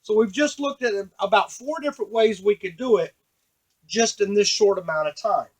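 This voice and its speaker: In a rough recording, a high-voiced man speaks at normal speed with a breathy edge. He's demonstrating a device in an informal, unscripted tutorial, explaining step by step to the viewer while he works.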